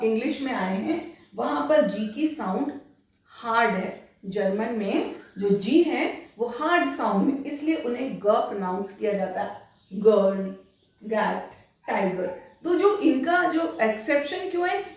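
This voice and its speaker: A woman teacher giving a lesson, explaining step by step and repeating example words slowly. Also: high voice, darkish tone. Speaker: English teacher. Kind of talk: classroom-style lesson. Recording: distant mic in a very echoey room.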